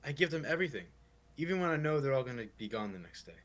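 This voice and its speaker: A man's voice: medium pitch, sing-song, rapid-fire, fairly bright tone. A man playing a burnt-out, frustrated schoolteacher who turns sarcastic and explodes in anger. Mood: sardonic. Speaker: teacher.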